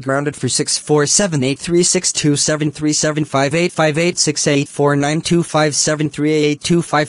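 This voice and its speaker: A synthetic text-to-speech male voice reading lines for animated characters, with a flat machine delivery. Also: a little high, dry recording.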